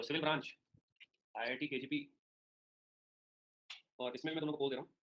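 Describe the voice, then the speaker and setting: A man's voice: mid-range voice, highs cut off. A man teaching an online reasoning class, chatty and joking, calling students by name while running polls.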